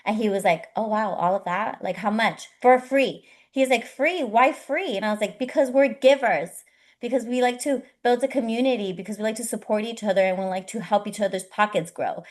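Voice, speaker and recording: Woman telling a lively story. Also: mid-range voice, fast talker, few pauses. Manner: acts out both sides of a phone talk. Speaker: co-host of the class. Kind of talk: animated storytelling.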